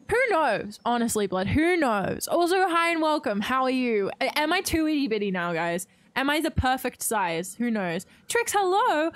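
A young woman streaming a game live from home, bubbly and excitable, greeting her chat and gasping with excitement. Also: a little high.

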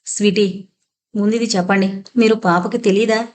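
A woman's voice: mid-range voice, fairly even intonation, normal speed, darkish tone, natural voice. A woman voicing an elderly grandfather in a suspense audio novel, stern with strangers and tender with his granddaughter.

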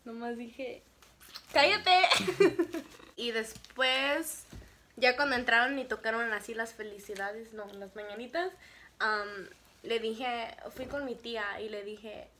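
A woman's voice: a little high, a little slow, a little hiss or hum. A young woman telling a casual storytime, laughing often and acting out what people said. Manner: animated, laughs often, acts out quotes. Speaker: vlogger telling her story.

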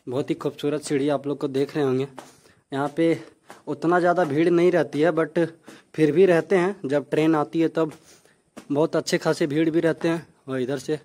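A man's voice: a little high, mellow. A young man from India with a Jharkhand Hindi accent, talking casually as he walks around a small railway station for his vlog, saying "guys" often. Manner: chatty, repeats "guys" often. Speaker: vlogger. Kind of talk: casual walking travel vlog.

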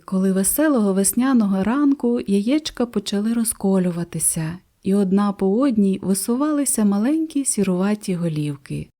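A woman narrating a fairy tale audiobook for children in a gentle, expressive way. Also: mid-range voice. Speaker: storyteller.

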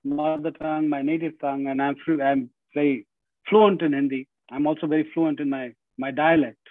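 Here a middle-aged man with an Indian accent gives an earnest guest lecture over a video call from a home room, speaking through earbuds. His voice is on the high side, with fairly even intonation and normal speed, and he frequently says "you know" and restarts phrases. The call audio is dry and tinny.

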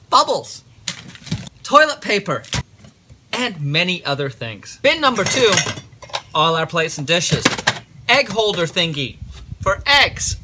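Outdoors in a driveway and at a campsite, a man in his thirties gives a casual walkthrough of his camping gear, tossing in dry jokes. His voice is high, and the background is noisy.

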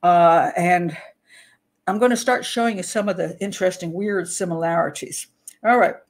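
An older woman, a criminal profiler, hosts a casual livestream in a hoarse voice on the low side, clearing her throat now and then. She's chatty and rambling, interrupts herself, and is quick to laugh.

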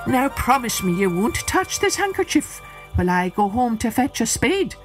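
A woman's voice: high voice, huge pitch swings, normal speed, pitched above the performer's own voice. A woman voicing an eager young farmer man, insistent, with music behind.

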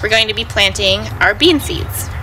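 A young woman, a farm educator, giving clear, patient step-by-step gardening instructions. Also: medium pitch, moderate pace, bright, forceful tone, slight background noise, rough recording. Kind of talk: instructional demonstration.

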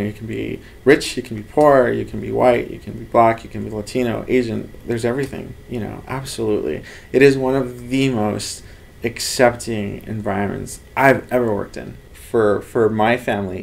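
This Los Angeles man in his thirties heads a lab and speaks about his work earnestly and animatedly, in casual interview talk inside an office with bookshelves. His lowish voice is creaky with a darkish tone.

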